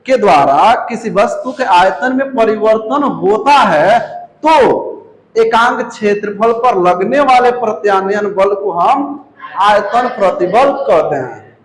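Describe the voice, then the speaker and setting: In a roomy, echoey space, a man with a very high voice gives a physics lecture, speaking with a touch. He repeats key terms, quizzes his students, and calls them "babu."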